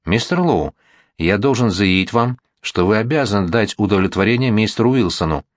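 A man reading an audiobook voices a stern gentleman who speaks formally and insists on a duel. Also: fairly low pitch, lively intonation, normal speed, no echo, clean studio sound, lightly acted. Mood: firm.

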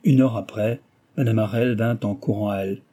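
A man reading a classic novel aloud as steady, scripted narration. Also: fairly low pitch, fairly quick, husky. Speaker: audiobook reader.

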